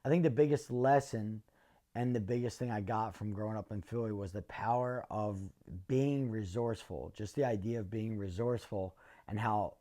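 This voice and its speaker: A middle-aged man from North answers interview questions in a measured, earnest way, pausing often with ums. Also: on the low side, dark tone. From North Philadelphia. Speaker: interviewee, former fighter.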